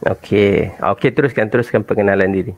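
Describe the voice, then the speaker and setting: A man's voice: lowish voice, steady tone, a little fast. A man with a Malaysian accent hosting a talk show, speaking careful formal Malay and correcting himself. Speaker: host. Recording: phone-like, muffled online call audio.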